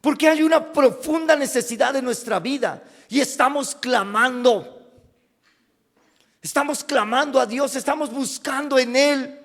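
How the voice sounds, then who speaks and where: A man with a Mexican Spanish accent delivers a dramatic sermon in a high, unhurried voice. He builds to loud cries and then sinks to hushed, near-whispered lines. The sound carries a long reverb from the church hall. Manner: dramatic preaching, rising to loud cries and dropping to hushed asides. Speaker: pastor.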